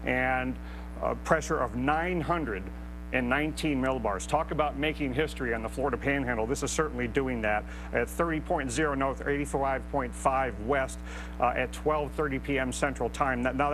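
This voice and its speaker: A man, a meteorologist, giving a detailed and precise live technical weather briefing. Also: rough recording. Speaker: hurricane expert meteorologist. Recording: clear hum and rumble of noise.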